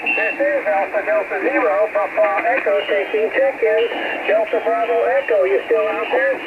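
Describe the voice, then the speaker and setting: A man acting as net control on an amateur radio net, his voice arriving through a dull, lo-fi shortwave receiver buried in loud static. He talks in a very high register that swoops widely. He uses clipped on-air procedure, with call signs and "roger, roger," and his voice has a gravelly edge. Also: huge pitch swings, normal speed. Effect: heard over shortwave radio with heavy static.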